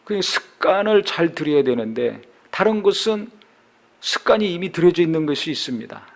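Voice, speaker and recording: Gravelly-voiced male pastor preaching. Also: fairly high pitch, very animated, normal speed. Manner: reads scripture aloud, then preaches with rhetorical questions. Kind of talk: sermon.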